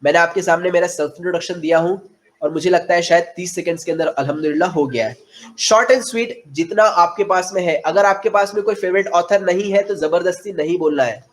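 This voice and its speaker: A young man with an Indian accent and a fairly high voice teaches spoken English in an online class. He explains in Hindi, then drops into slow, carefully spaced English sentences for students to copy. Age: 20s.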